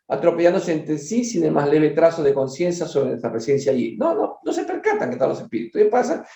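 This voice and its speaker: A man leads a study session, reading a book aloud in a mellow, dark voice and breaking off for conversational asides to his listeners. The sound is dull and lo-fi, in a room with a noticeable echo. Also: fairly high pitch, creaky. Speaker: study group leader.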